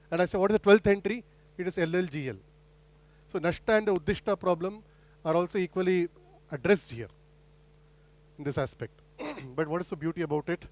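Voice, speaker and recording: A middle-aged man delivers an academic lecture in a fairly high voice. He talks students through a method step by step, posing questions and often restarting his sentences. The recording is dry and close, with little room sound. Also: no room sound. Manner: explanatory, poses rhetorical questions, frequent restarts. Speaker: guest lecturer.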